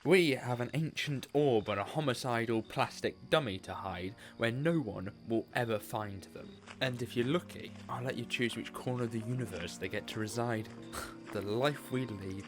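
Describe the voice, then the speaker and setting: A man's voice: medium pitch, over music, natural voice. A man playing the Doctor, wistful time traveller. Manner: quick, wistful explanations. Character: the Doctor, eccentric alien time traveller, male. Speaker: audio drama writer and actor. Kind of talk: fan audio drama acting.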